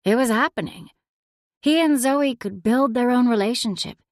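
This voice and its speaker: Expressive woman audiobook narrator. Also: on the high side, moderate pace, no echo, clean studio sound. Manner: expressive, emotive reading.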